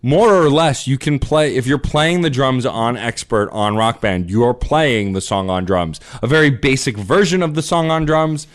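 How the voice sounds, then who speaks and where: A man co-hosting a podcast in casual chat, chatty, with rapid asides. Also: mid-range voice. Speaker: podcast co-host.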